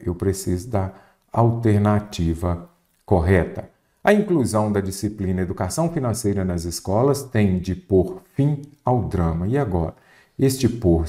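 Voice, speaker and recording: A man with a Brazilian accent teaching a Portuguese spelling lesson for exam prep, lively and full of rhetorical questions he answers himself. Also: low voice. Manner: addresses the student directly.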